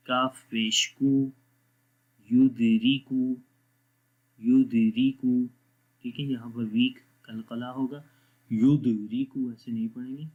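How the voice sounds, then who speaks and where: A man teaching Quran letter pronunciation, spelling out syllables one by one and stretching the vowels, then explaining the rules in quicker asides. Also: mid-range voice. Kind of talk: slow spelling-out lesson. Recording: dull lo-fi sound.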